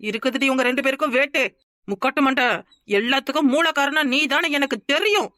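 A quarrelsome young village wife in a cartoon, played by a woman, pouring out her grievances. She talks high and quick in a stream of complaint. The recording is close and dry. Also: bright, forceful tone, no echo. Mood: spiteful. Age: young adult. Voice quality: rapid, complaining talk. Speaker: cartoon character. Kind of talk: cartoon voice acting.

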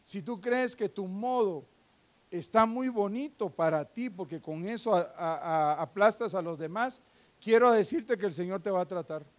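A male pastor preaching a live sermon in a church on a handheld mic, fervent, with joking asides, swinging between loud and hushed. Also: sits high, moderate pace. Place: church sanctuary. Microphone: handheld microphone.

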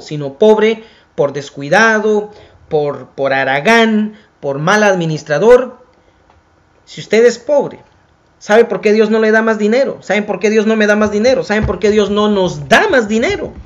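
A man preaching a sermon, addressing his listeners as brothers, rising to emphatic lines and then dropping to hushed, drawn-out phrases. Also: high-pitched, lively intonation, muffled recording. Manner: dramatic preaching that swings from raised, emphatic lines to hushed near-whispers; addresses listeners as brothers and builds long repeated lists. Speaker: preacher and program host.

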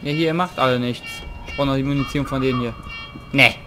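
A man hosts a casual gameplay commentary. He talks in slang and reacts aloud, often repeating short phrases. Game music is clearly audible behind him. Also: medium pitch, steady tone, fast talker. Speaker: gamer, Let's Play host. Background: game music and sound effects.

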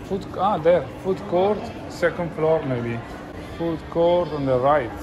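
The recording is muffled as a man in his forties, voice a little high and slow, narrates a casual vlog on an arm's-length phone camera. Touring an indoor mall and restaurant, he thinks aloud in non-native English while crowd chatter and mall noise ring loudly.

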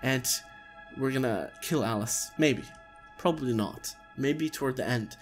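A man's voice: mid-range voice, measured pace. Jokey man doing casual gameplay commentary over music. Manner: jokey, talking to himself. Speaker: let's player. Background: game music.

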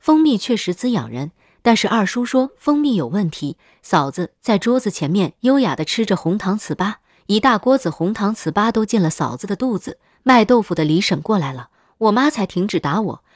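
A woman narrating a first-person horror story in a steady, matter-of-fact scripted read. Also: medium pitch, fairly quick, hardly any pauses, no echo, studio quality.

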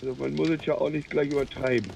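A man with a gravelly, creaky voice answers in short, laconic bits during co-op play. His pitch sits in the middle range. Faint noise sits in the background. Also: fairly even intonation, fast, darkish tone. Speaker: co-op gaming partner. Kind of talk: casual co-op gameplay chat.

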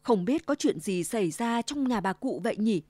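A woman's voice: fairly high pitch, animated, moderate pace, darkish tone, no echo. Woman reading a brave hunter. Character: brave grown man, a hunter. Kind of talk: storybook reading.

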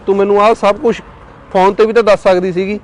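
A man's voice: high-pitched, level tone, fast, a little hiss or hum, lightly acted. A young man playing a stressed student who argues irritably. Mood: irritated. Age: young adult. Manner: irritated, argumentative.

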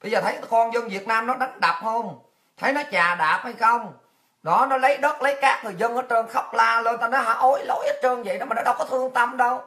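A woman delivers a heated livestream rant. Her voice sits a little high, and she scolds harshly, cursing as she goes. Between outbursts she slows into drawn-out, solemn warnings. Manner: fiery, scolding and crude, swings between shouting and slow solemn lines. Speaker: online political commentator. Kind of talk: ranting livestream monologue.

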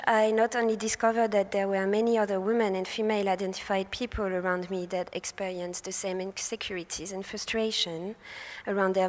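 A young Frenchwoman with a soft, airy, medium-pitched voice gives a hesitant talk on her research, stumbling with fillers and self-corrections. She speaks from a lectern into a handheld microphone on a festival stage, and the large hall echoes with long reverb.

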